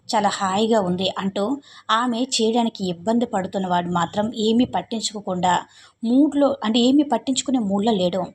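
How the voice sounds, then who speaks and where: Woman storyteller, mid pitch, restarts lines mid-sentence, faint background noise. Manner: frequent self-corrections mid-sentence. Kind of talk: dramatic story narration.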